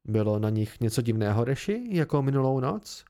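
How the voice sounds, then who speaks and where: A man's voice: mid-range voice, big pitch swings, dark tone. A man voicing an alarmed, protective young companion who pleads anxiously, in an amateur audiobook reading.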